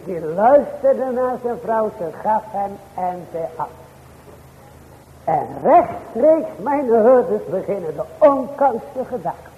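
A man preaching a sermon in old-fashioned, formal church language. He addresses his hearers directly, with sudden rises and drops in pitch and loudness. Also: animated, slow, in a large hall, narrow, tinny audio, a little hiss or hum.

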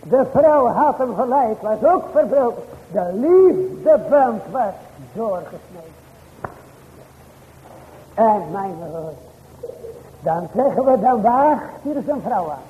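A man preaching a sermon in a high, animated voice. His delivery is slow and drawn out, and he speaks formal, old-fashioned church language. The recording is thin and phone-like, with a long hall reverb and faint noise. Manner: preaching with sudden rises and drops in pitch and loudness.

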